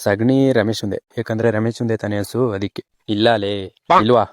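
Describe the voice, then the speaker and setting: A man's voice: on the low side, little pitch movement, normal speed, no room sound, studio quality. A man posing silly trick riddles in a comedy bit.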